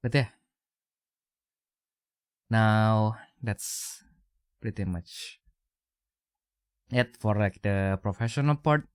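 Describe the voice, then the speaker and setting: A man's voice: on the low side, extremely slow, pauses often, clean tone, no room sound, clean studio sound. An Indonesian-accented man, casual podcast chat. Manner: rambling, many fillers and restarts, chuckles often. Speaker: podcast co-host.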